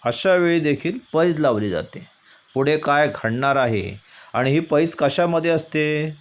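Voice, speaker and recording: A man's voice: on the high side, animated. A male teacher from India explaining a poem to students, asking and answering his own questions. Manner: recites verses in a slow chant. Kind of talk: Marathi poetry lesson.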